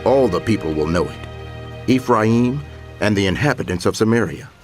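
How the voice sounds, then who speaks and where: A man giving a solemn, declamatory dramatized scripture reading with deliberate pauses. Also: lowish voice, lively intonation. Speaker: scripture narrator. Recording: music bed under the voice. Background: background music.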